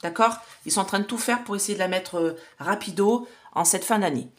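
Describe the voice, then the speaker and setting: A woman's voice: medium pitch, fairly quick. A woman in her forties doing a casual oracle card reading, chatty and hesitant, talking straight to her viewers. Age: 40s. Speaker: psychic card reader.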